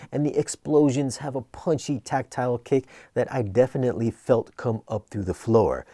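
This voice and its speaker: A man narrating an equipment review in a conversational but scripted, measured, explanatory way. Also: medium pitch, mellow, no echo, studio quality.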